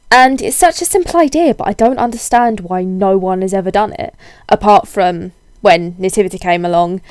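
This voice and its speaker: A young woman with a cold-hoarsened voice, chatting casually in a rambling, self-deprecating way as a video blogger. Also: medium pitch, darkish tone, no room sound. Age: young adult. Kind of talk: casual chatty vlog, answering tag questions.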